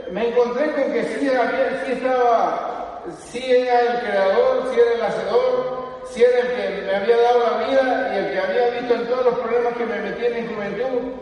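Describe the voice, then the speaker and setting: A man's voice: very high-pitched, darkish tone. A man preaching an evangelical sermon in a church, storytelling with rhetorical questions to the congregation. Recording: echoey church hall from far off.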